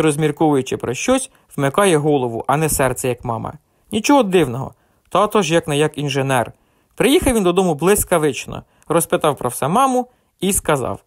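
A male audiobook narrator telling a children's story expressively. His voice is somewhat high, with a lively, animated melody. The recording is close and dry. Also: dry recording.

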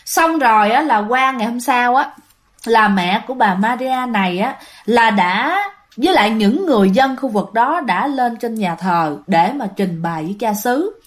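A woman's voice: on the high side, expressive, moderate pace. A woman telling a ghost story casually, talking straight to her listeners. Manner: chatty, addresses listeners directly.

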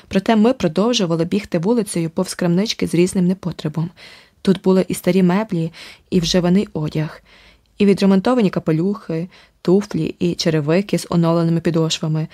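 A woman narrating an adventure audiobook in a steady, vivid storytelling manner. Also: lowish voice, no room sound, clean studio sound. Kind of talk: scripted narration.

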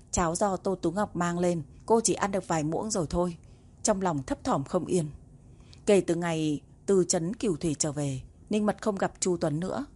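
A woman narrating a romance novel audiobook in a steady, even storytelling manner. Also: on the low side, breathy edge.

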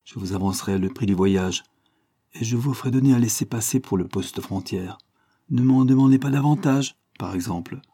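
A man's voice: fairly low pitch, normal speed, dark tone, husky, no echo, clean studio sound. A man voicing a plump, scheming German businessman who talks brusquely and impatiently in an audiobook. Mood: sly.

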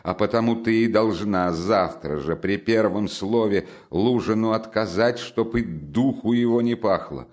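Man doing feverish irritable young man, storybook, low voice, insistent, worn out. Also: unhurried, hardly any pauses, darkish tone, natural voice.

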